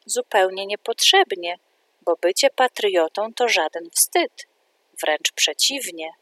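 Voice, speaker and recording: Gentle, kindly preschool teacher from a storybook, as a woman reads her. She explains in a soft, patient voice close to the reader's own. The recording is dry and close. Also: mid-range voice, animated, takes it slowly, no echo.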